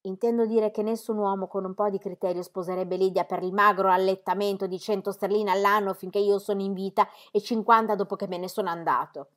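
A woman reading the part of a blunt, sardonic middle-aged gentleman father, dry and emphatic. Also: medium pitch, steady tone, fairly quick, few pauses, close to an everyday voice. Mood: exasperated. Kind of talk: audiobook character reading.

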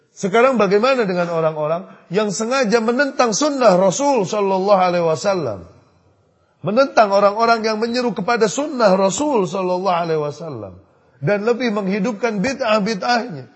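A male preacher delivers a sermon in a somewhat high, husky voice, telling stories and acting out the dialogue between figures. He swings between quiet asides and loud, emphatic peaks. The recording sounds dull and lo-fi, with a long hall reverb behind him. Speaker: Islamic preacher.

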